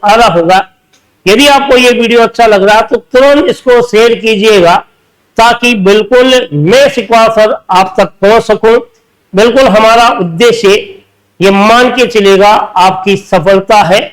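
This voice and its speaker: A man's voice: high-pitched, low-quality recording. A male teacher with a Rajasthani Hindi accent giving an exam-prep lecture, asking rhetorical questions and answering them himself. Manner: slows down to spell out key terms.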